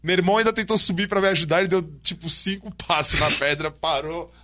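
Animated storyteller, bright voice. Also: male voice, high voice, fast talker. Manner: animated, slangy, acts out dialogue. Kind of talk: casual storytelling with friends.

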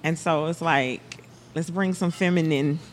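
A woman's voice: sits low, measured pace, slight background noise. A woman with a country Southern US accent, chatting casually as a drummer and podcast guest. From Alabama, United States. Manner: country-sounding way of talking. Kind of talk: casual chat.

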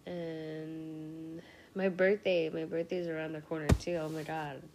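A woman's voice: deep voice, flat delivery, measured pace, noisy background. A young woman hosting a casual solo podcast, sick and rambling, swearing freely and laughing often. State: sick with a cold, congested voice. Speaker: podcast host.

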